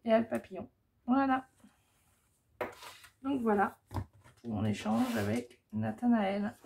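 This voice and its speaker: A woman's voice: a little high, fairly even intonation, slow pace, gravelly, background noise. A woman chatting casually as she shows off her scrapbooking crafts, hesitant and full of fillers. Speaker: scrapbooking vlogger. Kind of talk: casual show-and-tell.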